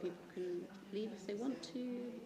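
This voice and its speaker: A woman from a church panel, speaking in a gentle, encouraging way. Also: mid-range voice, normal speed. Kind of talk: casual panel conversation. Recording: roomy church with crowd noise.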